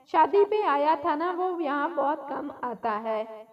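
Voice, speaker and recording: A woman's voice: high-pitched, lively intonation, far from the mic, lo-fi sound, soft background music. A woman voicing a weary, irritable young husband in a told story, speaking curtly and dismissively. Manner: curt and dismissive. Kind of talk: storytelling narration.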